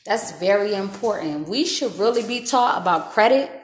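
A woman's voice: mid-range voice, lively intonation, normal speed, echoey room, a little hiss or hum. A woman in her thirties hosting a casual podcast chat, candid and slangy, laughing often. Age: 30s. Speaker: podcast host.

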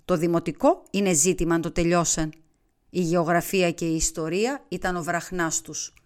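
A woman reading a literary short story aloud as an audiobook narrator, with a steady storytelling delivery. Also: fairly low pitch. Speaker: audiobook reader.

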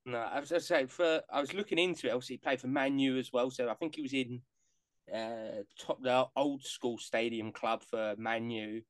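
A man's voice: mid-range voice, fairly even intonation, moderate pace, no echo. A man hosting a casual podcast chat, jokey and rambling. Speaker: podcast host.

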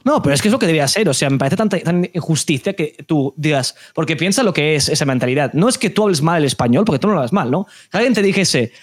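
A Spanish man with a Spanish accent, an esports caster, chats in a casual podcast in a fairly high voice, speaking quickly with few pauses. He is animated and opinionated and restarts his sentences often. The studio sound is clean with no room sound.

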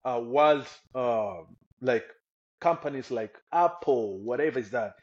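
A man's voice: mid-range voice, animated, measured pace. A young man from the Democratic Republic of the Congo, a podcast guest telling his personal story with energy and enthusiasm. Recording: slightly dull lo-fi audio.

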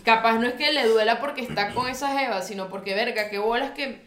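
A woman's voice: a little high, brisk, a bit bright. A young woman with a Venezuelan accent co-hosting a casual advice podcast, blunt and emphatic, full of slang. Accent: Venezuelan Spanish. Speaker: podcast co-host. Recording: echoey room.

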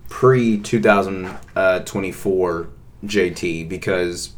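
Deep-voiced rambling man. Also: takes it slowly. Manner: rambling, repeats words, many fillers. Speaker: podcast co-host. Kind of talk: casual couple's podcast chat.

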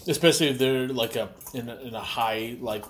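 A man co-hosting a casual chat, rambling and profane, with frequent pauses. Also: medium pitch, fairly even intonation, fairly bright tone.

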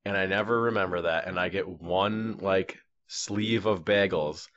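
This man's voice is deep and a bit bright, and he takes his time as he spins meandering tales of daily life while co-hosting a podcast. Playing out the conversations himself, he comes through on dull lo-fi audio with slight background noise.

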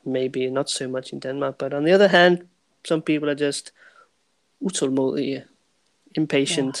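Flat-voiced male podcast host, dry sound. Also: medium pitch, gravelly, no room sound. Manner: even-toned, recaps in English. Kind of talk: relaxed podcast conversation.

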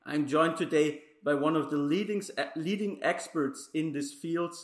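A man hosting a podcast, reading a formal, measured introduction. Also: fairly high pitch. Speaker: podcast host. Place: Brussels. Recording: roomy echo.

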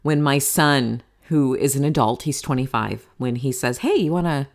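A woman's voice: a bass voice, normal speed. A woman in her forties hosting her own podcast, talking candidly and chattily about happiness in a motivational tone, with some casual swearing. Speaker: podcast host. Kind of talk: solo podcast monologue.

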